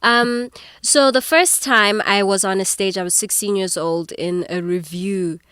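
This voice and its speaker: A young adult woman speaks as a guest in a casual interview, telling stories with animated energy and frequent laughter. Her voice is smooth and resonant, recorded dry and close. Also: medium pitch, unhurried, no echo. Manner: animated storyteller, laughs often. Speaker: guest actor.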